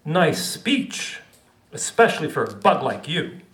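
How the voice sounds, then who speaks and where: A man's voice: on the high side, big pitch swings, unhurried, fairly bright tone, roomy sound, a little hiss or hum. A man voicing a stern male author who lectures in an insistent, exasperated way.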